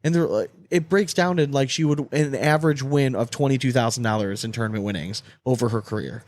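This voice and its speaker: A man's voice: medium pitch, brisk, darkish tone. A man hosting a casual podcast conversation, talking informally and repeating himself for emphasis. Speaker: podcast host.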